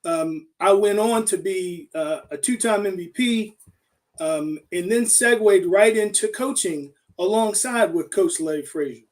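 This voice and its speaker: A man in his fifties, a former coach, reminiscing as a guest on a video call, halting with many fillers. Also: high voice, far from the mic. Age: 50s.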